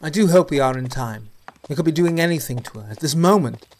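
A man playing a courteous, dry young gentleman in a period audio drama, formal in manner. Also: on the high side, lively intonation, quick pace, soft background music, natural voice. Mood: wry, earnest.

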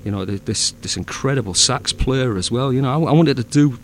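A man's voice: mid-range voice, fairly quick, a little hiss or hum. Rambling Northern English man, many fillers. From north of England. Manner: rambling, many fillers and restarts, easy laughter. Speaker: fan audio drama producer. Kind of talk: casual chat.

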